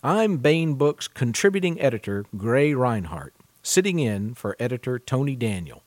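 He opens the book podcast with scripted segments and news, then turns to interviewing his guest. The host, a contributing editor, has a medium-pitched, very animated voice at a moderate pace, recorded with no room sound.

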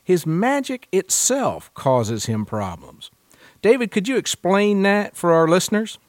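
This host's high voice swings widely in pitch while keeping a measured pace, captured at studio quality with no echo. A contributing editor, he reads scripted book-podcast segments and news, then puts questions to a guest.

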